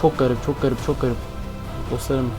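A young man host commentating a game, excitable and jumpy, constantly talking to his viewers. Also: medium pitch, a little fast. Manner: excitable, jumpy, keeps addressing viewers as friends. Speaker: gaming channel host. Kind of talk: Minecraft let's-play commentary. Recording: faint background music.

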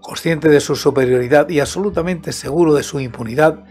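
A man in his seventies narrating a horror tale in a slow, deliberate, measured storytelling manner, close on a studio microphone. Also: a little high, darkish tone. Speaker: audiobook narrator and host of a horror story show. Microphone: close studio microphone with headset monitoring. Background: background music.

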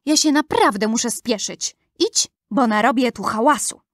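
A woman's voice: on the high side, moderate pace, dry recording, clean studio sound, natural voice. A woman voicing a cheerful little girl in a rhyming storybook, with a chirpy, sing-song delivery. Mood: firm.

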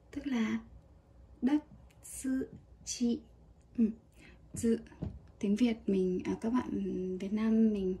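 Woman, very breathy, kinda mellow, chatty kanji lesson. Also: on the high side. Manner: chatty, relaxed, with small laughs. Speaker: Japanese teacher.

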